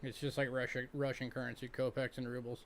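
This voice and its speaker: A man's voice: mid-range voice, level tone, quick pace, slight background noise. A man hosting a casual live-stream auction, chatty and joking as he sells items one by one. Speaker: online auction host.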